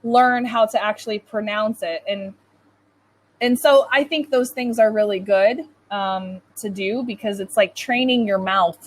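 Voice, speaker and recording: In a mid-range voice at a measured pace, a woman with a North American accent keeps a one-to-one video-call English lesson informal and chatty, often saying "like".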